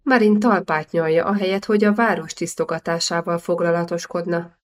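A huge, hearty nobleman laughs his way through loud, teasing banter in an audiobook reading, as a woman reader puts him on. His voice sits a touch low, and he talks with rough good humor. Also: steady tone, natural voice. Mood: boisterous. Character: big boisterous nobleman, loud and jovial.

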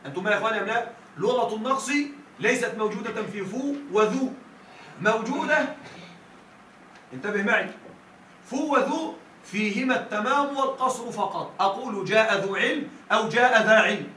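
Lively bright-voiced male teacher, echoey room. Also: extremely high pitch. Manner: repeatedly checks students follow, quotes verses with stretched slow emphasis. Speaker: grammar teacher. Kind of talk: classroom lesson. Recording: echoey room from a distance with faint noise.

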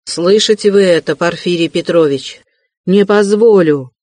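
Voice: mid-range voice, unhurried, a little mellow, no room sound, natural voice. A reader voicing an agitated young male student in an audiobook, tense and insistent. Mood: defiant. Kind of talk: audiobook character reading.

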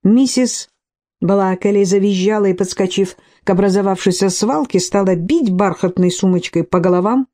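A woman's voice: medium pitch, moderate pace, mellow. A woman reading a detective novel aloud as an audiobook narrator. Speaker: audiobook reader.

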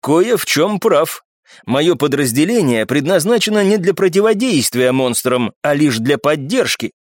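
A man voicing a stern army captain who speaks slowly and lectures with contempt. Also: fairly high pitch, sing-song, no room sound, clean studio sound. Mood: grave. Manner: slow, measured, lecturing.

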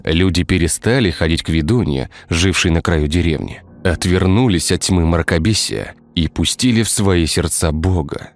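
Deep-voiced male storyteller. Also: moderate pace, few pauses. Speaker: narrator. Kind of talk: scripted story narration. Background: faint music.

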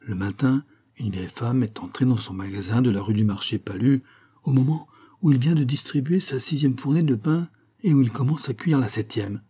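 A man reading a classic novel aloud in a dramatic, measured narration. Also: mid-range voice, dark tone, slightly rough. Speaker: audiobook reader.

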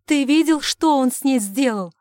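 A woman's voice: mid-range voice, steady tone, normal speed, darkish tone, dry recording, studio quality, close to an everyday voice. A woman voicing a frantic loving husband. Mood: cracking alarm. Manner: frantic, cracking with alarm. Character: grown man, desperate loving husband.

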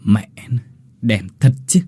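A man's voice: lowish voice, lively intonation, slow pace, warm tone, husky, exaggerated voice. A man voicing a polite, hesitant young man who fumbles his words. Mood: annoyed. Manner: polite, hesitant, nervous laugh.

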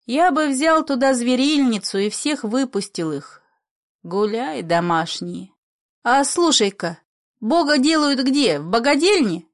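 A woman's voice: high-pitched, expressive, a little slow, voice pushed up. A woman voicing a dreamy, curious little bedridden boy who asks eager childish questions.

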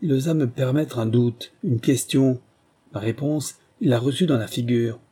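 A man reading the part of an arrogant, brutal man posing as a prince, loud and threatening. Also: a little high, lively intonation, moderate pace, husky, pitched above the performer's own voice. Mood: boastful.

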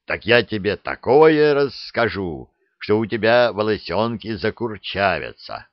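A man's voice: on the low side, very animated, measured pace, dry recording. A man doing a swaggering, flirty soldier. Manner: swaggering, slangy. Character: cocky, flirty male soldier. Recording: dull dry recording.

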